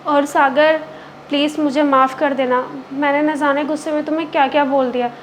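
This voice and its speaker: A woman's voice: fairly quick, fairly bright tone, a little hiss or hum. A young woman playing an arrogant rich wife who scolds and mocks her driver. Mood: remorseful. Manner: shrill, scolding, mocking. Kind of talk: amateur web drama acting.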